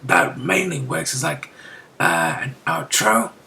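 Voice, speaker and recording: A beatbox tutor casually explaining a technique step by step, often checking in with "right?" and dropping into soft whispered asides. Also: medium pitch, wildly swooping pitch, takes it slowly, vocal fry, a little hiss or hum.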